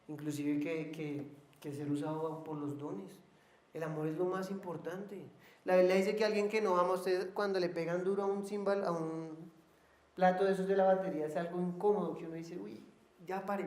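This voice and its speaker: A man's voice: on the high side, a little mellow. A male pastor preaching a sermon, joking and acting out little scenes, and having the congregation repeat lines after him. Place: church. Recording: echoey church hall.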